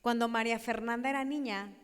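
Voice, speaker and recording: A woman giving a lively sermon talk, acting out voices and asking her audience questions. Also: a little high, fast talker, clear, resonant tone. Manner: animated, acts out quoted voices, questions the audience. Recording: echoey hall.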